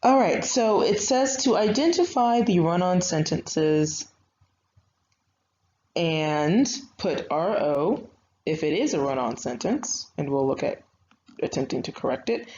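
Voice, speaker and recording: A young woman who teaches writing gives a recorded online grammar lesson in a deep, dark voice. She talks patiently and conversationally, using lots of fillers, and the lo-fi recording sounds slightly dull with faint noise.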